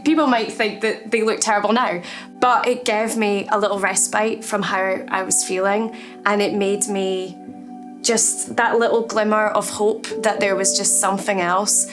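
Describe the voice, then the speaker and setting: A Scottish woman in her thirties talks in a documentary interview, soft-spoken and candid. Her voice sits at a middle pitch and stays reflective. Music plays clearly underneath. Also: steady tone, moderate pace. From Scotland, Edinburgh. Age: 30s. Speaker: artist.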